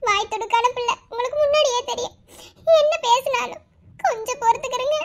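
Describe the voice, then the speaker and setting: A woman's voice: very high voice, a little fast, a little hiss or hum. A woman voicing a fond village mother in a cartoon, with a Madurai Tamil accent, advising her newly married daughter and chuckling through tears. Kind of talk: cartoon voice acting.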